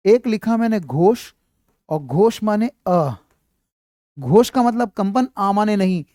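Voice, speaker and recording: Man teaching Hindi letters, dark voice. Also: high-pitched, animated, slow, no room sound, clean studio sound. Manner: repetitive, checks often that students follow; addresses students fondly as child. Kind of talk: live online class, explaining at a board.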